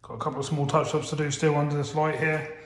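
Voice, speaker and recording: A man's voice: a little high, little pitch movement, quick pace. A man chatting casually while he restores and polishes a car in his workshop, a bit out of breath. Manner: chatty, down-to-earth, self-deprecating. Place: garage workshop. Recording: roomy workshop with clear background noise.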